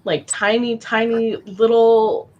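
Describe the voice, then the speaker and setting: A woman's voice: fairly high pitch, slow pace, muffled recording. A woman co-hosting a live writing stream, joking and reading out viewer comments casually. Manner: animated, jokey, reads out viewer comments. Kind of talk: casual chat.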